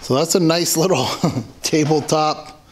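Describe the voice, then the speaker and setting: A man's voice: a little high, unhurried, slight background noise. A middle-aged man casually showing a benchtop tool in his home garage workshop, explaining plainly and correcting himself as he goes. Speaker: homesteading channel host. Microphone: camera mic off-screen, hands in frame.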